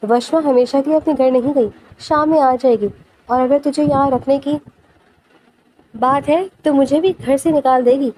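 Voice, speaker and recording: A woman's voice: sits high, fairly even intonation, darkish tone, slight background noise, natural voice, rough recording. A woman voicing a young man's joking, casual best friend in a storybook reading. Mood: teasing casual. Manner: teasing, casual.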